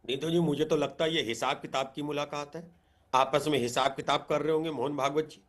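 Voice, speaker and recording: A male panelist needles his rival through a heated televised debate. His voice sits a little high, and he mocks and goads over and over instead of answering. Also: fairly even intonation, brisk. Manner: taunting, mocking, repeats jibes.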